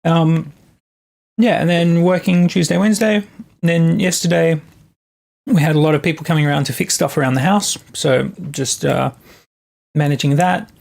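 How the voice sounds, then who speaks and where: A young adult music producer streaming live, chatting casually with viewers in a halting, think-aloud way while working on tracks. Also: mid-range voice, fairly even intonation, creaky, darkish tone.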